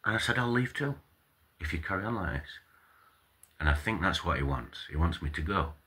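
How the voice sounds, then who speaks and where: A middle-aged man, telling a story in a casual, animated monologue, acting out quoted dialogue and swearing now and then. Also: low voice, a little fast, slightly rough. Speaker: vlogger.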